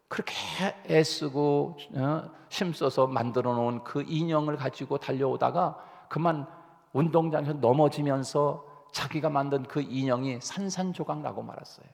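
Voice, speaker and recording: A man's voice: medium pitch, creaky, a little mellow. A male pastor delivering an early-morning sermon, telling a story earnestly and asking the congregation rhetorical questions. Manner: earnest, rising emphasis, frequent hesitations. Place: church sanctuary. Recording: long church reverb.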